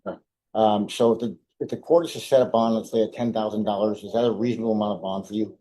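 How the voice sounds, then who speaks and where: A man questioning a witness in court as defense attorney, with hesitant, halting phrasing. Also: lowish voice, fairly even intonation, warm tone, a little hiss or hum, rough recording.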